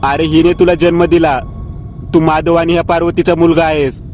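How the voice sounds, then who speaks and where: A man voicing a stern, shouting old village priest in a storybook horror tale. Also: on the high side, little pitch movement, moderate pace, faint music behind, natural voice.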